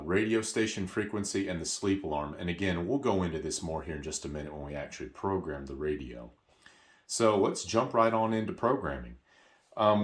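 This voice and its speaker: A man with a low voice walks through a product step by step without a script, explaining hesitantly and correcting himself along the way.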